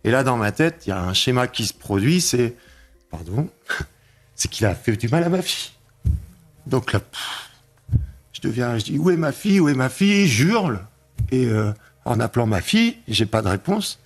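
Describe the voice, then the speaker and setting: A man giving an emotional testimony, telling his story in a halting way, repeating himself and raising his voice when he relives the moments. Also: mid-range voice, big pitch swings. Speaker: interviewee recounting a break-in.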